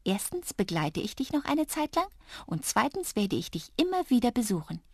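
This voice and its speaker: Lady doing a little storybook ear sprite guy, high, giggly, sweet and reassuring, dry close sound. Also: very animated, moderate pace, no room sound. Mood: tender. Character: tiny kind male ear sprite, playful.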